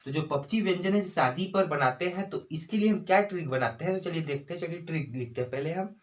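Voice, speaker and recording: A slightly high, slightly fast male voice teaches an exam-prep lesson in Hindi with a Chhattisgarhi accent. He asks questions only to answer them himself, and "ठीक है" and "है ना" recur throughout.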